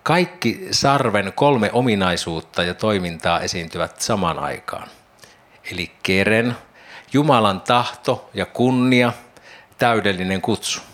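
Low-voiced man giving a Bible teaching. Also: a bit bright. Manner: reflective, imagining scenes aloud with rising questions. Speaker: preacher.

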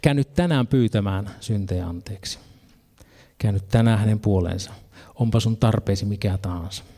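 A man's voice: on the low side, warm tone. A man preaching a sermon, earnest, reading scripture passages and adding casual asides.

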